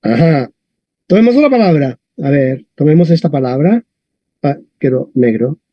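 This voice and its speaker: A man teaching a classroom lesson, talking in a lively way and often adding tag questions. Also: on the high side, moderate pace, no echo. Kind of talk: classroom lesson on Latin stress. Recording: dull, dry lo-fi sound.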